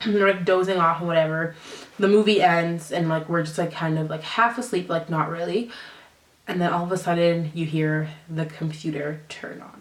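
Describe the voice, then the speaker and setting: Slangy young woman, roomy distant sound. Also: on the low side. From Canada. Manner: animated, slangy, acts out dialogue. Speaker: vlogger. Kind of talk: casual storytime.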